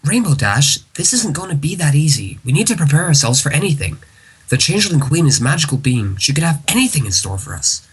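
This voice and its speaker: A man's voice: on the high side, big pitch swings, fast talker, husky, heavily acted. A man voicing a bookish, bossy young pony leader in an exasperated, scolding manner, in an amateur comic read-through. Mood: serious.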